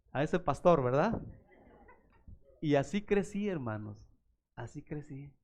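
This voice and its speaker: A male pastor, preaching a sermon through personal stories and acting out the voices of the people in them. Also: on the high side. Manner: animated storyteller acting out voices. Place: church.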